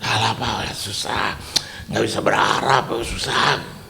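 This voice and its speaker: A man's voice: on the high side, huge pitch swings, slow pace, gravelly, pushed and bright, heavily acted. A man doing a groaning, whiny businessman. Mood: whiny complaining. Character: grumbling male businessman who always complains times are hard.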